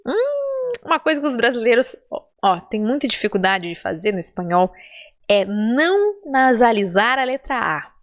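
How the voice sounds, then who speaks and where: A woman's voice: a little high, very animated, moderate pace. A woman with a Brazilian Portuguese accent, a Spanish teacher giving a pronunciation lesson, drawing out sounds in exaggerated demonstrations and checking in often. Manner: chatty and encouraging, with frequent check-ins.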